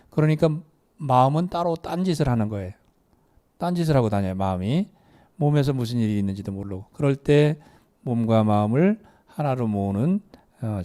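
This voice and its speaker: Leading exercises and asking the audience questions, a man lectures a live meditation class in a meditation hall. His voice has a medium pitch and a warm tone.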